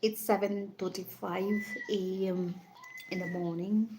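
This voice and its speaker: A woman from Nepal hosts a casual livestream, feeling the cold. She talks slowly, in halting phrases that often repeat, with a clear noise bed behind her voice. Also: medium pitch, flat delivery. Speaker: livestream host.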